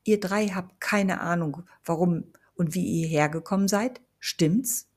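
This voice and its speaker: A woman's voice: fairly low pitch, a little slow, a little mellow. A woman voicing a commanding, serious witch who gives firm instructions. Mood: urgent.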